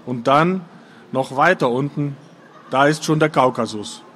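A man's voice: medium pitch, measured pace, fairly bright tone, a little hiss or hum, lightly acted. A man voicing a scheming, mocking middle-aged Russian army veteran with a sneering, giggly manner. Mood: scornful.

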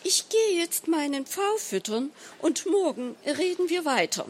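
A woman's voice: a little high, wildly swooping pitch, slow pace, a little hiss or hum, pitched above the performer's own voice, exaggerated voice. A woman voicing the narrator's self-assured wife in a read-aloud story, cool and lightly mocking. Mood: amused.

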